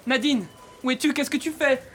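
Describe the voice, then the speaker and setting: A man's voice: extremely high pitch, normal speed, crowd noise. A man playing an anxious partner in a melodramatic radio drama. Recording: loud music underneath.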